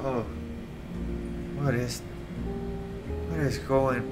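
Man muttering slowly over loud game music. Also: medium pitch, fairly even intonation. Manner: muttering to himself in short bursts. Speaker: gamer, let's player. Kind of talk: casual gameplay commentary, reacting aloud.

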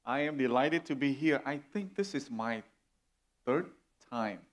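Guy preaching in church, slow and earnest, middle-aged. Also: medium pitch, expressive, slight background noise. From Vietnam. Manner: earnest, warm, gesturing as he preaches. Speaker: guest preacher. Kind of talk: sermon. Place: church stage indoors.

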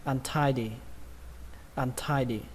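Slow, patient Vietnamese-accented man teaching. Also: medium pitch, fairly even intonation. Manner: slow, patient, repeats each word. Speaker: English teacher. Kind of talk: pronunciation lesson. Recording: long reverb, faint ambient noise.

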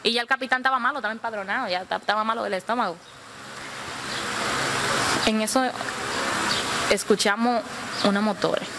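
A woman telling her own story as a survivor, vivid and animated, acting out the voices of the people she describes. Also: a little high, brisk, pauses often, very noisy. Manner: vivid, acts out the voices of others. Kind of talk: emotional first-person storytelling.

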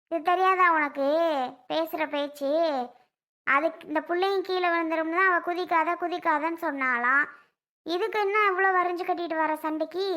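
A woman voicing a stern older mother-in-law who lectures and scolds with a sharp tongue. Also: very high-pitched.

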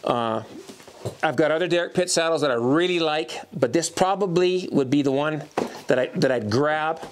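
A man's voice: fairly high pitch, normal speed. A man in his fifties, a horseman showing his gear in a casual, folksy way, often repeating his first words, recorded on a lapel mic in an indoor tack room. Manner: folksy, repeats words when starting sentences. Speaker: horseman and teacher. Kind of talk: casual show-and-tell.

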